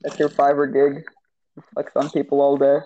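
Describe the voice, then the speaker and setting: A teenage boy hosting a gaming podcast, chatting casually and teasing his friend in a deadpan way. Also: medium pitch, normal speed. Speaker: podcast host. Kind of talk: casual chat while gaming. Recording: tinny phone-like line, faint hiss.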